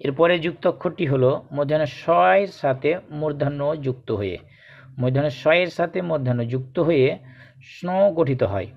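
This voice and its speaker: A man teaching a pronunciation lesson, who speaks slowly and deliberately and repeats each example word as a drill. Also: on the high side. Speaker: Bengali teacher. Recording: dull lo-fi recording.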